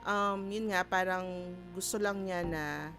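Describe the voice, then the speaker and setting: A Filipino woman with a mid-range voice co-hosts a casual chat, rambling and restarting her thoughts. Music plays clearly behind her voice. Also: medium pitch, a little slow. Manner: rambling with many fillers and restarts. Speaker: co-host.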